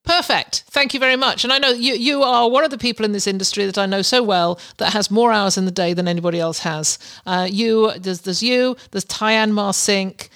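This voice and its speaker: A woman's voice: medium pitch, a little fast, few pauses, a bit bright. A middle-aged woman hosting a podcast, chatting unscripted and effusively, speaking directly and personally to her listeners. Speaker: podcast host.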